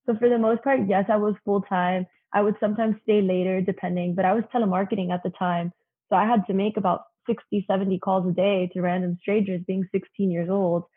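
A young woman in her early twenties, her voice mid-range and husky with fairly even intonation, speaks briskly as an interview guest. She sounds youthful and keeps dropping "you know" into her casual chat. The audio comes through a tinny, phone-like line.

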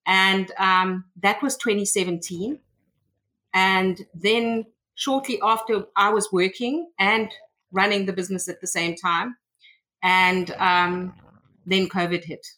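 With a South African accent, this podcast guest, who works as a tech consultant, chats through her story in a casual interview, often pausing on "um." She speaks slowly in a mid-range, steady voice that is bright and forceful, though the recording quality is low.

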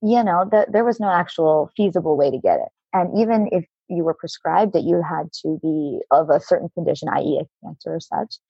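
Woman, casual storyteller, animated, laughing, husky edge, dull dry recording. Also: fairly low pitch, brisk, few pauses, dry recording. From Alaska. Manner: animated, laughing, acts out quotes. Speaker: guest. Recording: dull, slightly lo-fi, dry sound.

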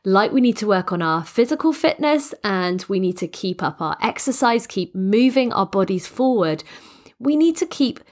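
A croaky, congested woman in middle age talks alone into a close podcast microphone. She's a business coach, motivational and enthusiastic, and her sentences run long. Her pitch sits in an ordinary middle range. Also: animated, moderate pace. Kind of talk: solo podcast monologue.

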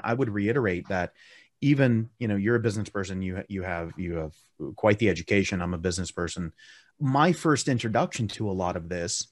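Low-voiced chatty male podcast host. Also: no room sound, clean studio sound. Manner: chatty, rambling questions with tangents. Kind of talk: casual interview.

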